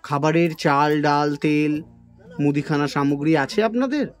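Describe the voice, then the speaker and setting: Gentle man consoling a family. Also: fairly high pitch, expressive, unhurried. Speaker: social work vlogger interviewing a needy family. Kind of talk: casual interview.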